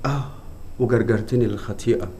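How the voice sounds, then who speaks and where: A man's voice: mid-range voice, steady tone, fast talker, darkish tone, a little hiss or hum, natural voice. An actor playing a haughty, sarcastic woman who is flirty yet prickly, with an Egyptian accent. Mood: snippy. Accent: Egyptian Arabic. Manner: snippy, sarcastic.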